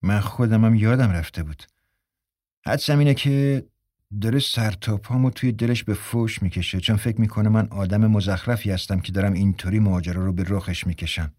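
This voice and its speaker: A man's voice: a little mellow, no echo, clean studio sound, natural voice. A man reading an audiobook, voicing a gloomy, defensive young man. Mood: sullen. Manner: gloomy, low-key.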